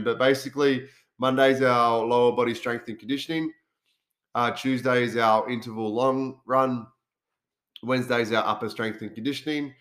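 A man's voice: on the low side, fairly bright tone. An Australian man with a nasal voice, congested from a cold, explaining things informally as a podcast host and fitness coach. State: has a cold. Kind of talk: casual solo podcast talk.

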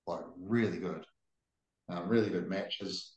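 A man with a broad New Zealand accent and a fairly low voice, talking casually like a mate on a combat sports podcast. He is blokey and swears freely. The sound is roomy and echoing. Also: unhurried, a little mellow, dull audio. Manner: blokey, sweary, ends remarks with "eh". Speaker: podcast co-host.

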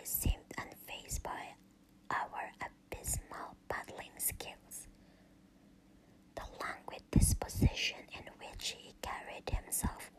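A woman telling a first-person story in a slow, unvoiced whisper, in the style of a whispered storytelling recording. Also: rough recording.

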